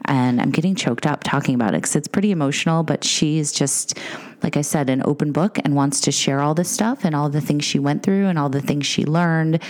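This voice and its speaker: A woman hosting a podcast, chatty and friendly with her listeners, leading an interview. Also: sits low. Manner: chatty and warm toward guest, uses fillers like "you guys". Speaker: podcast host. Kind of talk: podcast interview and sponsor read.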